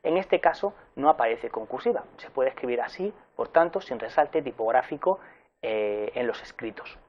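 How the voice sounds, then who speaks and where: A man giving a recorded university lecture in an explanatory way, pausing with fillers and correcting himself as he goes. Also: medium pitch, expressive, dull audio.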